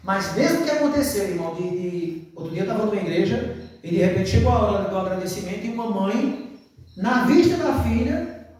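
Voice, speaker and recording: Folksy preacher in an echoey church. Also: male voice, high voice, animated, brisk, a little mellow. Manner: folksy, calls listeners brother, asks them questions. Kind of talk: sermon. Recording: very echoey church, mic far off.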